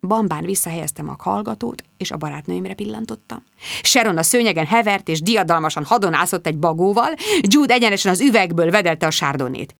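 A woman's voice: on the low side, vocal fry, dry recording, studio quality. A woman reading a first-person novel aloud as an audiobook, telling the story expressively. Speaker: audiobook reader.

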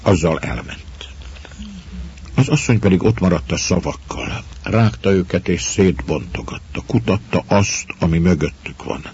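A man reading a story aloud as narrator, with slow, dramatic storytelling, on a slightly muffled recording. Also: deep voice, animated, a little mellow, slight background noise. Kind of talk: audiobook narration.

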